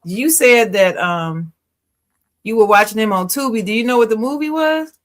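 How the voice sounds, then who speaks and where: A woman's voice: fairly high pitch, animated, normal speed. A woman co-hosting a podcast in casual chat, frank and opinionated, laughing easily. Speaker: podcast co-host.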